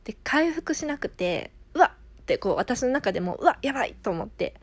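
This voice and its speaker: A woman's voice: high voice, sing-song, fairly quick, dry recording. A woman with a Kansai accent, a midwife casually telling her own birth story and acting out her inner thoughts. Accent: Kansai Japanese.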